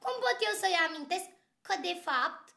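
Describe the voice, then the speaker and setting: A woman voicing a curious, excitable little girl who hosts a children's podcast, asking eager questions. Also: extremely high pitch, creaky, exaggerated voice. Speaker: podcast host.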